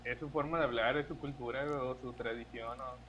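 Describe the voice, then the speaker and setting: A man's voice: medium pitch, steady tone, fairly quick, fairly bright tone, highs cut off, slight background noise. A young Mexican man co-hosting a podcast in casual chat, easygoing and hesitant, often repeating himself. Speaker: podcast co-host.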